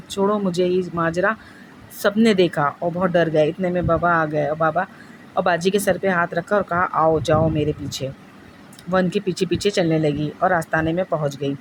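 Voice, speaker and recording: A woman's voice: on the low side, noisy background. Woman telling a ghost story. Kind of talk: first-person ghost story narration.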